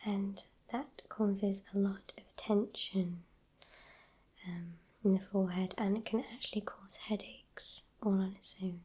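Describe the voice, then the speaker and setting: British woman in soft whispered role-play. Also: medium pitch, steady tone, breathy edge. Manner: slow, soothing, reassuring spa-therapist talk. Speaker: ASMR healer in a relaxation role-play.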